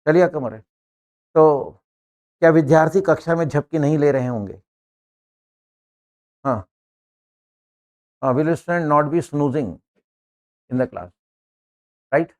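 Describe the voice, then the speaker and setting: A man's voice: a little high, darkish tone. A man teaching an English lesson to a class, explaining words and pronunciation step by step and often checking with "है ना?". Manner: explains slowly, often asks "है ना?".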